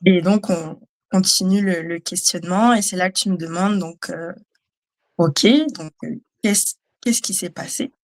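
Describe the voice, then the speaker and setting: A woman giving a personal testimony, speaking in a hesitant, halting way with many fillers. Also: fairly low pitch, fairly even intonation. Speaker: guest, trainee.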